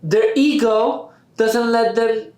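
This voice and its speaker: A man's voice: very high voice, steady tone, slow, a little mellow. A man talking as a guest on a casual podcast, emphatic and repeating key words, often laughing. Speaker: podcast guest, business owner. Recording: roomy echoey room.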